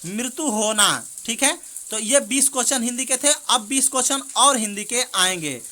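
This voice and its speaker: Woman, exam prep teacher, quick quiz reading, bright voice, fairly high, rain behind. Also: expressive. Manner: quick, repeats "theek hai doston" often. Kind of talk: reading out mock test questions and answers. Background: rain heard in the background.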